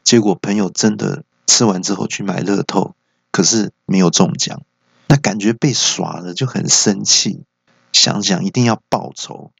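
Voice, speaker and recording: Gravelly comic storyteller. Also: male voice, fairly low pitch, moderate pace, no room sound. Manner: easygoing joke-telling narration. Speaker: podcast host.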